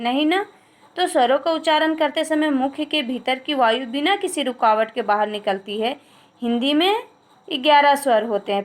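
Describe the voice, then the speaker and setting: A woman teacher giving a recorded grammar lesson, explaining step by step, asking and answering her own questions and drawing out example sounds. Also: high-pitched.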